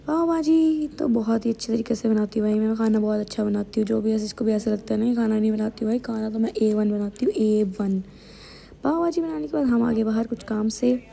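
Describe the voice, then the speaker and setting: Chatty young woman, gravelly voice. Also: on the high side, warm tone, slight background noise. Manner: chatty Hindi-English code-mixing. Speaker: vlogger. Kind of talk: casual day-in-my-life voice-over narration.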